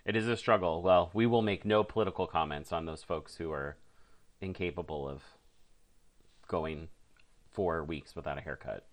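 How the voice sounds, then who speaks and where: Low-voiced male co-host, halting delivery full of fillers, dry jokes. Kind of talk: casual chat.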